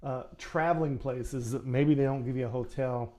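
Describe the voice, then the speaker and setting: A man's voice: mid-range voice, steady tone, moderate pace, dark tone. A man coaching would-be actors in a casual, folksy how-to talk, addressing the viewer directly. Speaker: acting coach.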